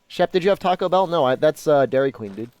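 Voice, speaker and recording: A man's voice: a little high, lively intonation, fast, a little mellow. A man talking casually and informally as a live game streamer, answering questions in a laid-back way. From Mexico or of Mexican descent. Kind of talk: casual gaming stream commentary, answering chat.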